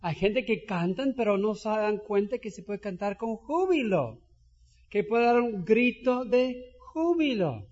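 A man preaching a sermon as pastor, animated and shouting for emphasis. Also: sits high, a little slow. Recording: dull sound with long hall reverb.

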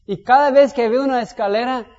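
High-voiced preacher in a reverberant hall. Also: male voice, fairly quick. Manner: lively storytelling, direct questions to listeners. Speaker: pastor. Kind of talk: sermon. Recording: dull sound in long reverb.

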